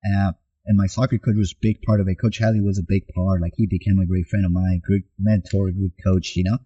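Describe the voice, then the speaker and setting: A man's voice: low-pitched, brisk, slightly rough, muffled recording. A man from Mexico, a soccer coach and podcast guest, telling his life story in conversation and acting out the dialogue he remembers. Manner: animated retelling that acts out quoted dialogue.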